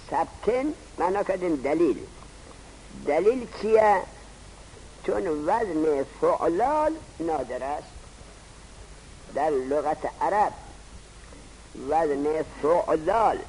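Lively gravelly male lecturer. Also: fairly high pitch, slight background noise, rough recording. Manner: drawn-out teaching cadence, rhetorical questions answered himself. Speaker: seminary teacher. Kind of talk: classroom lecture on Arabic grammar.

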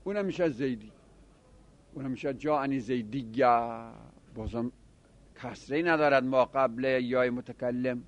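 A man teaching a grammar class, explaining rules step by step and quizzing his students with quick questions. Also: mid-range voice.

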